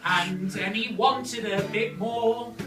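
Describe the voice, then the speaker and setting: A woman's voice: mid-range voice, slow. A woman telling a comic history story in a half-sung way, often breaking into laughter. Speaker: performer. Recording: echoey room, far from mic. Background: guitar playing.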